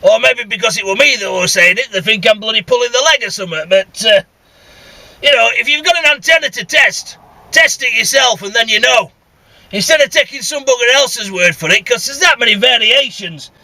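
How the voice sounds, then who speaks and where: A CB radio vlogger with a Northern English accent rambles casually and bluntly while driving, grumbling and swearing from inside his vehicle. His voice is very high-pitched, expressive and fairly quick, with a sharp edge. The audio is poor, with no room sound.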